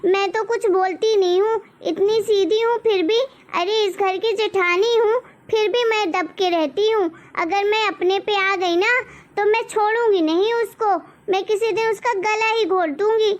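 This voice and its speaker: A woman's voice: extremely high pitch, fairly even intonation, unhurried. A woman voicing a quarrelsome, hot-tempered eldest daughter-in-law in a cartoon story. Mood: angry. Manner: angry, threatening, self-pitying.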